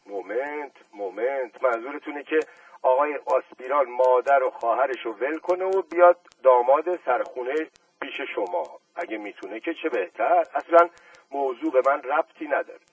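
A man's voice: mid-range voice, slightly rough, no echo, recorded from a distance, rough recording. A man voicing a mischievous middle-aged male aristocrat who talks in a sly, playful, mocking way, read as part of a storybook reading. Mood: teasing.

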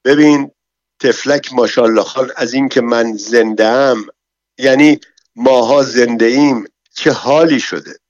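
A man's voice: medium pitch, steady tone, no echo, close to an everyday voice. A man voicing a frightened, emotional male bank clerk who pleads in an agitated voice. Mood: tearful. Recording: dull, dry, lo-fi recording.

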